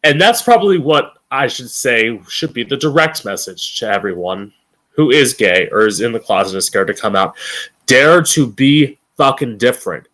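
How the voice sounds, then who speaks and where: A man's voice: medium pitch, very animated, moderate pace, fairly bright tone, poor audio. A man with a campy drag queen manner hosting an informal opinion monologue, emphatic and opinionated, with plenty of swearing. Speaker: podcast host.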